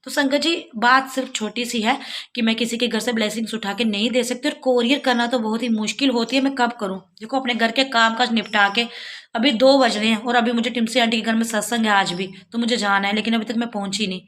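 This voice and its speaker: Woman, middle-aged, from Jammu, bright higher voice, sore throat, earnest pleading vlog talk. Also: fairly even intonation, a little fast. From Jammu, India. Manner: earnest, pleading, addresses viewers directly. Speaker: devotional vlogger. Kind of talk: casual devotional vlog talk.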